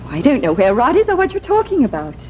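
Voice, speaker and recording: A woman's voice: high-pitched, huge pitch swings, quick pace. An actress playing a flippant, teasing young woman with an airy, arch, theatrical manner in 1950s television drama style. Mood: mocking. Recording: dull, noisy 1950s TV soundtrack.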